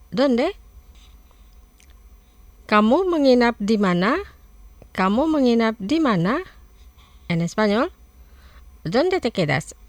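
A woman presenting a scripted radio language lesson, saying each word twice slowly and carefully. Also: fairly high pitch, no echo. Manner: slow, careful repetition of words.

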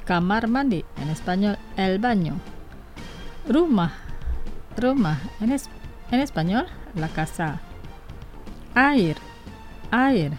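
A woman hosting a radio language lesson, speaking slowly and deliberately and saying each word twice for listeners to repeat. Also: medium pitch.

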